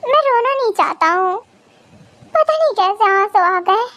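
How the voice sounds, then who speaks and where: A woman voicing a tearful, tender young husband in a fan audio drama, soft and affectionate. The voice sits very high, almost childlike, with no attempt to deepen it. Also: expressive, measured pace, dry recording, full character voice. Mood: apologetic.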